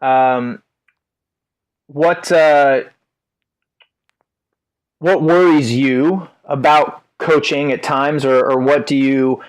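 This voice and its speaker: A man's voice: mid-range voice, fairly even intonation, very slow, pauses often, smooth. A man hosting a podcast, who asks long, thoughtful questions with many fillers. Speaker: podcast host. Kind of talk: casual interview questions.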